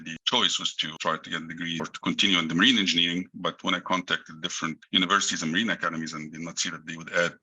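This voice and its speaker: A middle-aged man from Egypt, a podcast guest, explaining his career in a measured way with frequent restarts. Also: deep voice, sharp tone, slightly rough, low-quality recording. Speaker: guest, engineering executive. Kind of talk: interview answers.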